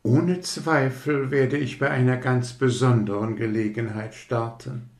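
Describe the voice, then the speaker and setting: A vain, self-important rocket from a storybook, voiced by a man, talking in an affected, pompous way. The voice sits noticeably higher than a plain low male voice. There is a clear roomy echo around it. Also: steady tone, a little slow, a little mellow, close to an everyday voice. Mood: haughty.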